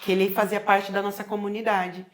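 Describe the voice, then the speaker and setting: A woman's voice: medium pitch, little pitch movement, a little fast. A middle-aged Brazilian woman telling her own story in a casual chat, acting out the dialogue with frequent tag questions. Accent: Brazilian Portuguese.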